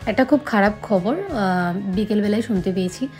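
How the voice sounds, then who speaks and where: A woman's voice: mid-range voice, lively intonation, moderate pace, a little mellow, soft background music. A young woman talking casually to the camera at home, chatting to her viewers as a vlogger. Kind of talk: casual vlog chat to camera. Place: home indoors.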